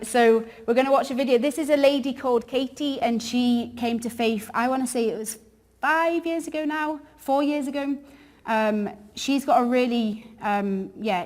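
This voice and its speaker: A woman's voice: on the high side, a little mellow. A woman women's worker presenting informally, explaining things in a hesitant, conversational way.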